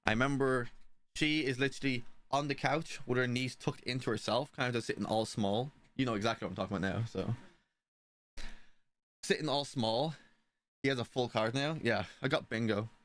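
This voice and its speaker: A man's voice: medium pitch, steady tone, a little fast, a bit bright. A young man telling a personal story in a casual, rambling way, often swearing and asking "you know what I mean". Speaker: stream participant.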